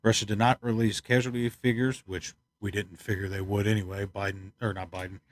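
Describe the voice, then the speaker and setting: A man from the United States giving rambling, opinionated news commentary, tired and stuffed up, clearing his throat often. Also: on the low side, level tone, fairly quick, dry recording. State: congested, stuffed up. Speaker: channel host. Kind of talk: casual news commentary vlog.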